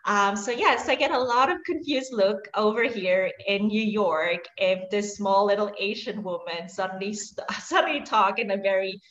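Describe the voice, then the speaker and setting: A woman from Switzerland who speaks Swiss German natively, a high-performance coach talking openly and reflectively as an interview guest, with many fillers along the way. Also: moderate pace, hardly any pauses, fairly bright tone, echoey room, highs cut off. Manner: open and reflective, laughs often, many fillers. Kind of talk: conversational interview.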